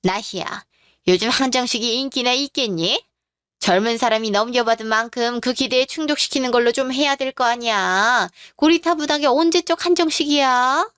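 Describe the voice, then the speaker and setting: A woman's voice: a little high, normal speed, fairly bright tone, smooth, no room sound, clean studio sound, lightly acted. A woman voicing a patronizing older mother-in-law in a radio drama, scolding in a talking-down manner.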